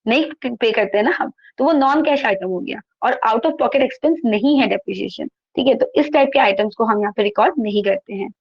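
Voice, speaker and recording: A woman's voice: a little high, moderate pace, hardly any pauses, breathy edge, dry recording, muffled recording. A woman teaching accountancy in an online class, reading from the textbook and explaining each point, asking and answering her own questions. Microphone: laptop microphone.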